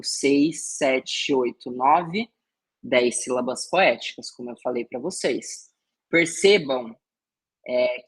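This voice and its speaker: A man's voice: fairly high pitch, husky. A man with a Brazilian Portuguese accent, teaching a literature class and explaining step by step, often checking in with his students. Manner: explanatory, peppered with "né" and "tá" check-ins. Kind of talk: recorded exam-prep class.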